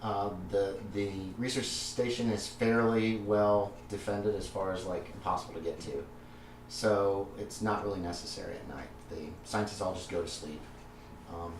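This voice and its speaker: A man running a tabletop game as game master, explaining things to players in a casual, halting way. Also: fairly low pitch. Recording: roomy, distant mic, noisy background.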